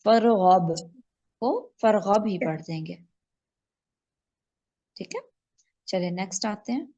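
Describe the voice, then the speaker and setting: A woman from Pakistan teaching an online recitation class, explaining rules step by step, checking that students follow, and drawing out example words slowly. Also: mid-range voice, warm tone, dull audio. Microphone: online call.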